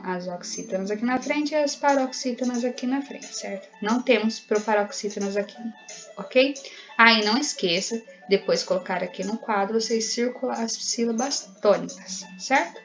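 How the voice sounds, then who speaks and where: A woman's voice: on the high side, fairly quick, lo-fi sound, soft background music. A woman with a Brazilian Portuguese accent, a primary school teacher taking her pupils patiently through exercises step by step. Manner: patient, explains step by step and often checks in with "né?" and "certo?". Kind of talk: recorded remote lesson, correcting exercises.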